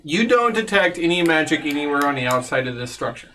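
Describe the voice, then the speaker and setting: A man's voice: a little high, very animated, quick pace, sharp tone, recorded from a distance, slight background noise. A man running a tabletop game as game master, narrating scenes and joking with his players. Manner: joking, playful improvising.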